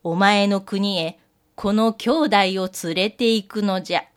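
A woman voicing a kindly old bearded mountain god who speaks in a slow, gently commanding way. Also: medium pitch, clean tone, close to an everyday voice.

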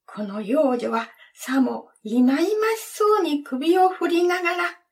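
A woman storyteller reading a fairy tale aloud in a gentle, measured way, recorded from a distance. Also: high voice, expressive. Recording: distant from the mic.

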